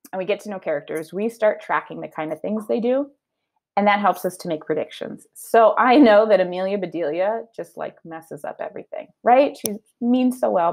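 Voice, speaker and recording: A woman teacher with a medium-pitched voice and vocal fry leads a read-aloud lesson for children, explaining her thinking and asking checking questions as she goes.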